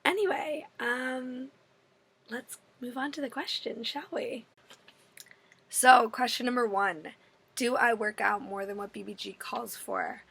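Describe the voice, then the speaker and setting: A woman in her twenties with a hoarse, worn-out voice, chatting casually and apologetically in a rambling Q&A vlog. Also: on the high side, a little slow, a bit bright. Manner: apologetic, rambling, self-deprecating. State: voice strained and partly gone. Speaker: fitness vlogger. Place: indoors in an apartment.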